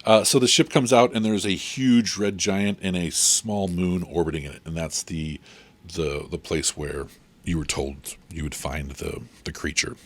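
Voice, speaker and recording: A man acting as game master, talking haltingly and reading rules aloud with many fillers. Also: deep voice, fairly even intonation. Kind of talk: running a tabletop game over a call.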